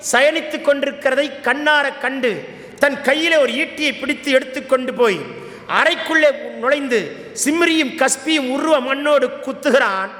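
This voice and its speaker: Extremely high-pitched and sharp, a male preacher with a Tamil Nadu accent rouses a congregation during a Tamil Pentecostal sermon, asking them to repeat after him. The setting is a large church hall whose echo leaves a long reverb.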